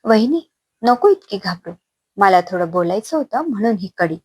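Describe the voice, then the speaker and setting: A woman voicing a young man who menaces his sister-in-law, in a husky, threatening tone. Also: mid-range voice, big pitch swings, moderate pace, a little mellow, no room sound. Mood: menacing. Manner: threatening, coaxing. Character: young male brother-in-law, menacing and pushy.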